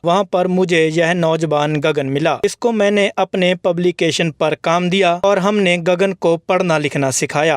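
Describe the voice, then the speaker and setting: A man reading a plain, measured first-person voice-over from a close studio mic. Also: fairly high pitch, clean tone, no room sound. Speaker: Hindi voice-over for a publisher.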